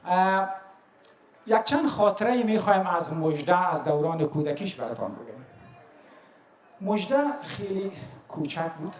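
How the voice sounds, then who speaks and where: A fairly high-pitched man with an Afghan Dari accent tells unhurried family stories as father of the bride. His voice rings out through an echoey hall as he pauses and chuckles between memories. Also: lively intonation. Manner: warm anecdotal storytelling with chuckles and pauses. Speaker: father of the bride giving a wedding speech. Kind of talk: storytelling wedding speech.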